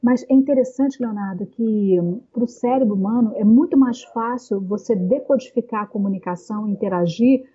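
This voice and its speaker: A woman talking at length in a casual conversation, explaining points slowly with many fillers and pauses. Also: fairly high pitch, warm tone, slightly rough, muffled recording. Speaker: guest speaker on communication.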